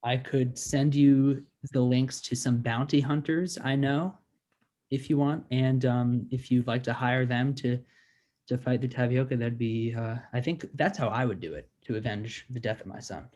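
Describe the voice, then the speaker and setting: A man's voice: mid-range voice, steady tone, warm tone, close to an everyday voice. Man playing a hesitant East Coast expert. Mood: apologetic. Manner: halting, hesitant with many ums. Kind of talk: improvised comedy role-play. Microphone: video call.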